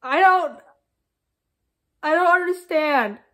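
A young woman performing a dramatic monologue as a heartbroken girlfriend, crying and pleading in halting, sorrowful disbelief. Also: very high voice, lively intonation, a bit bright, heavily acted. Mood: tearful disbelief. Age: young adult. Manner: tearful tragic heroine sorrow, halting, pleading. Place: small plain room indoors.

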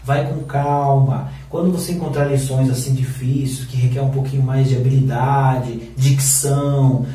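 A man's voice: medium pitch, steady tone, moderate pace, few pauses, dark tone, very echoey, distant mic, slight background noise. A man with a Brazilian Portuguese accent, a patient music teacher who speaks rhythm syllables aloud in an online lesson.

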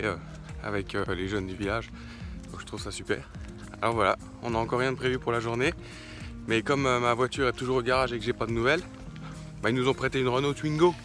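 A young man in his twenties chats into a phone held at arm's length, loose and relaxed, filling pauses with little sounds. Music plays under his voice the whole time. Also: medium pitch. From France. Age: 20s. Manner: relaxed chatty, lots of fillers. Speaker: vlogger. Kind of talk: casual travel vlog. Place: outdoors by the sea and in a camper van.

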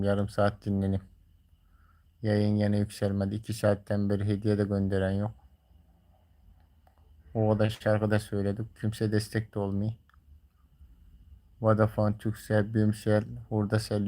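A man's voice: fairly low pitch, warm tone. A man livestreaming, talking casually and colloquially to viewers in a grumbling, teasing way. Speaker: live streamer.

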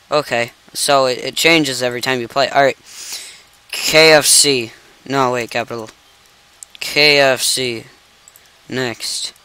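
A man's voice: medium pitch, fairly bright tone, smooth, no echo, low-quality recording. Young man reacting with exasperated game commentary. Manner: incredulous, exclaiming "no" over and over. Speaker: gaming channel host. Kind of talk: let's play commentary.

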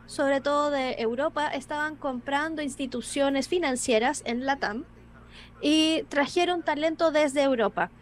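A woman giving a live interpreted voice-over of an online panel, briskly and with small word restarts and self-corrections. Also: high-pitched.

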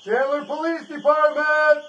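A male police officer making repeated commanding announcements through a loudspeaker, outdoors in front of a house. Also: very high-pitched, level tone, unhurried, a little hiss or hum. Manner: loud, commanding, repetitive calls. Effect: amplified through a loudspeaker. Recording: distant muffled body camera audio.

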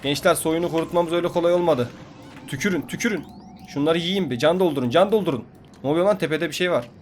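Young male gaming commentator, fairly high voice, brash slangy trash talk, faint background hiss. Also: quick pace. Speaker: gameplay commentator.

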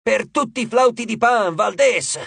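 A man voicing a gruff, hot-tempered male satyr coach who barks orders in an audiobook. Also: extremely high pitch, unhurried, no room sound, pitched above the performer's own voice, full character voice. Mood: gruff shouting. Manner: barking, shouting orders.

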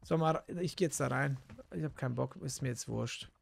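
Here a gaming streamer, a man with a gravelly mid-range voice, talks a little fast during casual live gameplay chat, full of grumbles, swearing and slang. The setting is an indoor room at his gaming setup; he's close to a desk microphone and wearing a headset, with a bit of hiss or hum in the audio.

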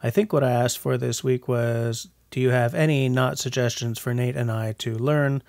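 His mid-range voice is gravelly and a little mellow, with fairly even intonation at normal speed, as this forties-aged bushcraft vlogger narrates a casual vlog. He jokes and teases himself throughout. Recorded on a voice-over mic rather than outdoors, it has studio quality with no room sound.

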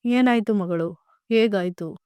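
A woman voicing a gentle, proud father who gives calm advice to his daughter in a storybook tale. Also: medium pitch, measured pace, clear, resonant tone, no room sound, lightly acted. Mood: curious. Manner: gentle, advising.

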